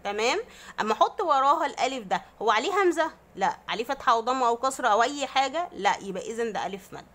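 A woman's voice: on the high side, expressive, quick pace, fairly bright tone. A woman with an Egyptian Arabic accent teaching a grammar lesson to young children, patiently explaining and answering her own questions, drawing out vowels to demonstrate long sounds. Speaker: primary school teacher.

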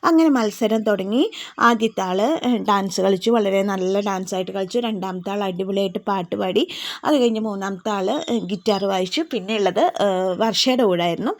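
Fast-talking woman recapping a serial. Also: mid-range voice. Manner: rapid storytelling with frequent hesitation fillers. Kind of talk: casual retelling of a TV serial episode.

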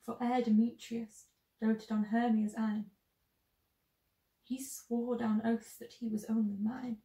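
Woman as lovelorn young tragic heroine, sorrowful classical stage verse, higher-pitched, roomy sound. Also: level tone, mellow, recorded from a distance. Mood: wounded. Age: young adult. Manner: sorrowful, measured, theatrical delivery with long pauses. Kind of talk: dramatic classical Shakespeare monologue. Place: small bedroom, indoors. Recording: roomy echo.

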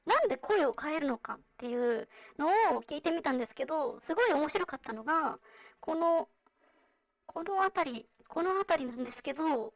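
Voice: lively intonation, normal speed, creaky, far from the mic, poor audio. A presenter with a girlish feminine voice electronically processed through a voice changer, explaining survey results in a conversational way. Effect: voice changer, processed into a high feminine voice. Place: online virtual-reality venue.

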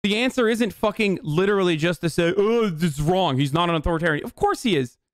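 A man in his thirties from Turkey, ranting bluntly and profanely as a political streamer in a heated livestream commentary, at home on a boom-arm studio mic. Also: lively intonation, fast, no echo. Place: home room, indoors.

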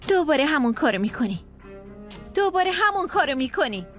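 A hurt, defensive young wife, reproachful and pleading by turns, with a very high voice. Soft music plays underneath. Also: female voice, very animated. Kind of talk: Persian dub of a TV drama.

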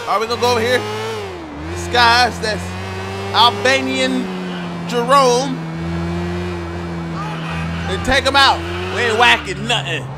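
A man giving loud, joking commentary while playing a crime game, talking back to the characters on screen. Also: very high-pitched, measured pace, long pauses, heavy background noise. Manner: loud, excitable, talks to the screen. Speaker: gameplay streamer. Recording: loud game sound behind.

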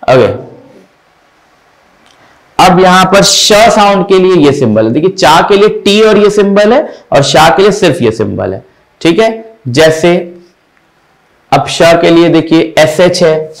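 Man drilling pronunciation, fairly high voice. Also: animated, rough recording. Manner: repeats words slowly, drilling each sound. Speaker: teacher. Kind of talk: teaching English pronunciation in Hindi.

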